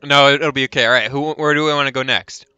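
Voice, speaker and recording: A young man casually leading friends through a video game, animated and bossy, often clearing his throat. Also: medium pitch, fast talker, no echo, lo-fi sound. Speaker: player leading a group game. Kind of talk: casual gaming chat.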